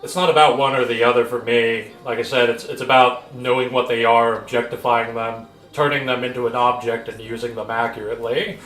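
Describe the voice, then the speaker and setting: Flat-voiced man in a roomy echo. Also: mid-range voice. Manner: measured, explanatory, restarts phrases. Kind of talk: casual discussion on a voice call.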